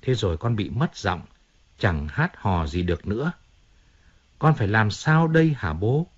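A man's voice: on the low side, big pitch swings, measured pace, husky, muffled recording, heavily acted. A man reading a whining, self-pitying singer. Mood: agitated. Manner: complaining, emotional, pleading. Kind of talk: audiobook character reading.

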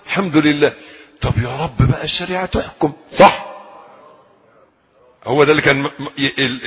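A man's voice: on the high side, fairly bright tone, slightly rough. A man with an Egyptian accent preaching a sermon, pleading in prayer and putting questions to the audience. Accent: Egyptian Arabic. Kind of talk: sermon with supplications. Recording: echoey hall recording.

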